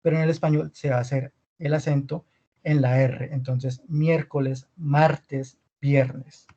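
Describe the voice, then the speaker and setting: A man teaching an online language lesson, patiently repeating words slowly for his students. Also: medium pitch, fairly even intonation, mellow, husky, muffled recording. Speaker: Spanish teacher.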